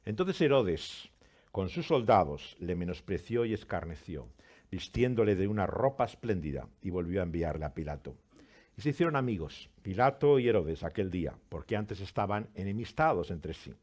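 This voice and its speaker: A man's voice: low voice, sing-song, moderate pace, darkish tone. A man who reads a scripture passage with dramatic rises and falls, then preaches earnestly as pastor. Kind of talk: scripture reading and sermon.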